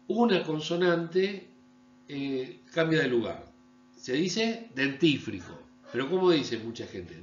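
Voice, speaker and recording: A man from Argentina, giving a recorded online university lecture and often checking understanding with a quick "¿sí?". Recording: echoey room, dull low-fi sound with mains hum.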